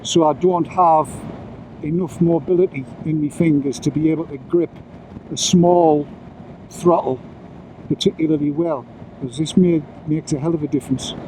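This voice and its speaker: A man's voice: fairly high pitch, steady tone, normal speed, warm tone, a little hiss or hum, rough recording. A man chatting casually while riding a motorcycle, rambling with self-mocking asides. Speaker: motorcycle vlogger. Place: outdoors riding a motorcycle on roads.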